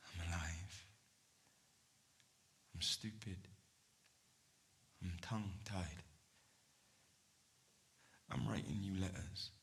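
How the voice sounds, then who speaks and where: An actor playing an ardent male poet on stage, pouring out love in hushed, intimate tones that swell to fervor. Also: low voice. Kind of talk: staged theatre performance.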